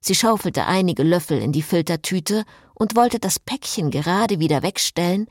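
Expressive woman reading an audiobook. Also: fairly low pitch, moderate pace, no room sound, studio quality. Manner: expressive, wry storytelling. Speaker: narrator. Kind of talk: audiobook narration.

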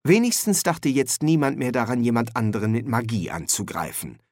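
A man reading a comic fantasy novel aloud in measured, dry storytelling. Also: mid-range voice, animated, a little mellow, dry recording. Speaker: audiobook narrator. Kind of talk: scripted narration.

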